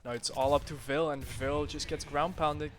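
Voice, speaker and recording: A man casting a live online game tournament, calling the action quickly with lots of fillers and casual swearing, then chatting loosely with the stream chat between matches. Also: fairly high pitch. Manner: rapid, excitable calls with frequent fillers and casual swearing. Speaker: esports tournament caster. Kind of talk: live play-by-play game commentary.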